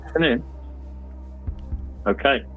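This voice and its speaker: A man hosting a casual movie quiz and reading out questions, with a speech trait of saying w for r. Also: slow pace. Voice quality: can't pronounce R's properly, says w for r. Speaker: quiz host. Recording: dull lo-fi sound with music. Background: music.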